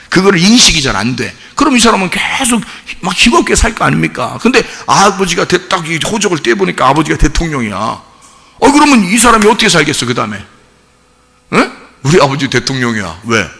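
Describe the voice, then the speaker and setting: A male pastor preaching an emphatic sermon in a church, firing off rhetorical questions and often shouting. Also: a little high, creaky, in a large hall.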